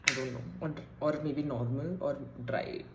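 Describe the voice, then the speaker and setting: A woman's voice: rumbling low, fairly even intonation, moderate pace, muffled recording, heavy background noise. A young woman vlogger casually chatting and thinking aloud while doing her makeup, a bit self-deprecating. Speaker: beauty vlogger. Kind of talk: casual get-ready-with-me chat. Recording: echoey room.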